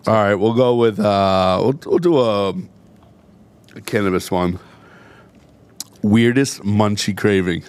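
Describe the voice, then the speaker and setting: A man who sounds high, co-hosting a casual chat, giggly and easily distracted. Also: slow pace, pauses often, a little mellow, smooth. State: high on cannabis.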